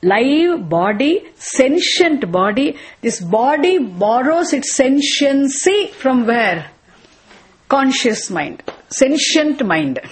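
A woman with a Tamil accent teaching a spiritual lecture in a didactic way, often checking with short questions that listeners follow. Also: high voice. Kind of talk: Vedanta lecture, explanatory teaching.

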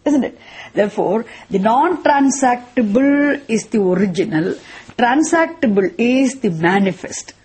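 A woman with a South Indian accent and a husky voice, teaching a philosophy lesson in a didactic way, repeating points and posing rhetorical questions. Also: fairly high pitch, expressive, measured pace, darkish tone. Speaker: Vedanta teacher.

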